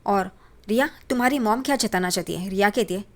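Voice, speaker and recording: Woman, mid pitch, casual conversational recap of a drama episode, slips the characters' lines into her retelling. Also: brisk. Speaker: TV serial recap narrator.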